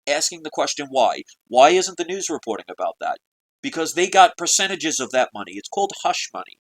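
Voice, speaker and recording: A man's voice: a little high, rough recording. A man delivering an urgent, preachy video monologue to his viewers, full of rhetorical questions. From United States. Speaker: political video blogger. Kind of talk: ranting monologue to camera.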